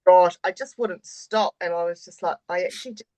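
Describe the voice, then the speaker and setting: A woman's voice: fairly low pitch, fairly quick, warm tone, no echo, faint music behind, low-quality recording. A woman in her forties giving a frank, open introduction of herself on a video call, swearing now and then. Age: 40s. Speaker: course participant.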